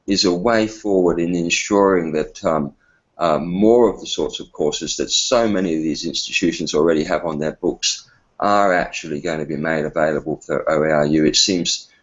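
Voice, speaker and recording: Male committee member, very low voice, earnest, halting, dull call audio. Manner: hesitant, restarts often, earnest. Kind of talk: meeting discussion.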